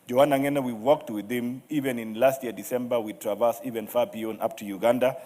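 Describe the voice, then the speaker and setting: A man's voice: mid-range voice, fairly even intonation, a little fast, warm tone. A man with a Kenyan accent delivers a eulogy as a member of parliament. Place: large parliament chamber. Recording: reverberant hall.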